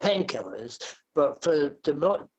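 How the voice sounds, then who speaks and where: A man thanking a teacher over a call whose connection keeps breaking up, speaking haltingly and apologizing. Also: on the high side, very animated, a little mellow, breathy edge, muffled recording. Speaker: retreat participant on a call. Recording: choppy distant call audio.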